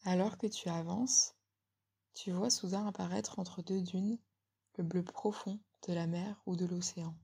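A woman giving a slow, soothing guided relaxation in a breathy ASMR whisper, very close, as if right in the listener's ear. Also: on the low side, steady tone. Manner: slow, soothing, gently instructing.

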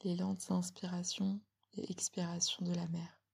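A woman giving a slow, soothing guided relaxation in a breathy ASMR whisper, very close, as if right in the listener's ear. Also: lowish voice, little pitch movement. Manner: slow, soothing, gently instructing.

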